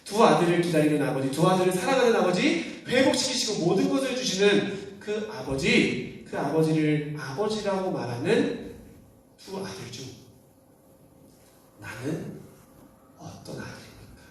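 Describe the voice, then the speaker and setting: A man, a youth pastor, giving a lively sermon to teenagers and acting out the quoted voices as he tells the story. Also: sits high, normal speed, a little hiss or hum. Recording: roomy echo, distant mic.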